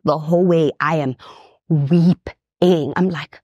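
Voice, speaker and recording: A woman's voice: deep voice, fairly even intonation, slow pace, dark tone, dry recording, lo-fi sound. A woman guest telling a painful personal story in a heartfelt way. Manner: heartfelt, reliving painful memories.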